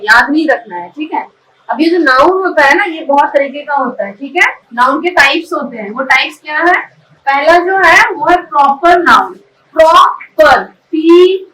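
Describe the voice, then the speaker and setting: A woman teaching a spoken English lesson, her high, bright voice spelling each word letter by letter and splitting it into syllables. She keeps checking in with her students. The echoey room and the distance from the mic give it a hollow sound, with faint ambience behind her. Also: a little hiss or hum. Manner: spells words letter by letter, breaking them into syllables. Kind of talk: classroom lesson in Hindi with spelled-out English words.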